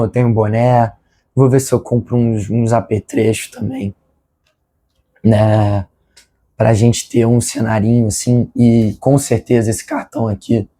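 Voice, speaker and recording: Brazilian male vlogger, mellow but hoarse smoker's rasp, stuffed nose, mid-pitched, chatty and apologetic. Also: slight background noise. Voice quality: congested, nasal. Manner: apologetic, rambling. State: hoarse, strained sore throat with throat clearing. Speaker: football fan channel host. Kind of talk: casual news vlog. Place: his room at home.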